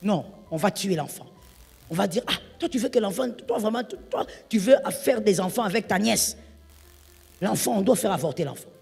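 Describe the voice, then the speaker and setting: A woman pastor preaching a sermon, telling a story and acting out its people, moving between hushed and loud. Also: mid-range voice, lively intonation, normal speed, vocal fry, husky. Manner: acts out the people in her stories, swinging between hushed and loud. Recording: reverberant hall with soft music behind.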